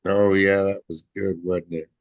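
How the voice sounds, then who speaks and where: A man who is a regular on a casual chat show, telling stories and jokes in a plain, deadpan way. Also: sits low, normal speed, no room sound, dull audio. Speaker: regular guest. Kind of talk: casual storytelling.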